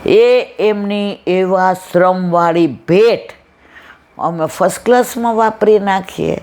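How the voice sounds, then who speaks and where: Slow-spoken woman telling devotional stories. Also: mid-range voice, a little mellow. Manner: reminiscing, quotes people in little voices. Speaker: satsang speaker. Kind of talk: devotional storytelling talk.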